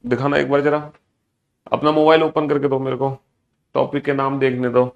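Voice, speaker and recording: A man teaching a live online class, energetic, repeating his phrases and mixing Hindi with English terms. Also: mid-range voice, normal speed, creaky, lo-fi sound, a little hiss or hum. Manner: energetic, repeats phrases in sing-song greetings.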